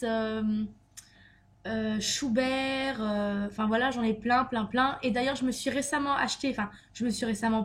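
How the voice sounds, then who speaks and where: A young woman from France chatting through a vlog question list, with many fillers and restarts. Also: a little high. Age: young adult. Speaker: beauty vlogger. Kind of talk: casual Q&A tag vlog.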